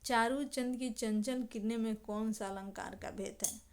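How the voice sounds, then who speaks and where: A woman teaching a grammar lesson, posing questions and answering them herself, and reciting verse examples slowly. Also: on the high side, steady tone. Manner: explanatory, asks and answers own questions.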